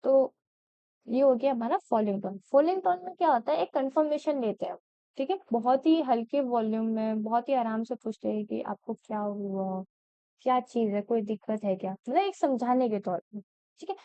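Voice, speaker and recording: A young woman teaching exam-prep, her voice high, mellow and smooth. She talks chattily and keeps checking in with her listeners. The sound is dull and lo-fi. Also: normal speed, dry recording. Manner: chatty Hindi-English code-switching, checks with frequent "theek hai?".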